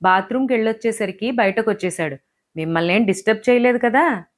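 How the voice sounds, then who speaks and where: A woman voicing a quick-tempered young wife in an audiobook, sarcastic and snapping. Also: medium pitch, natural voice. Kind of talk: audiobook character voice.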